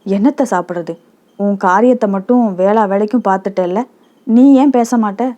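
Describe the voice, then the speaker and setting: Woman reading young husband in a story, curt, snapping, irritable, mellow tone. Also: medium pitch, normal speed, dull audio, lightly acted. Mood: angry.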